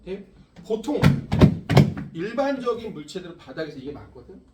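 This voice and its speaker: Cram-school teacher, male, lively rising voice, blunt and crude, heard from across an echoey classroom. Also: high-pitched, normal speed, far from the mic, noisy background. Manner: blunt, scolding, coarse and emphatic, constantly checking with students. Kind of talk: classroom lecture.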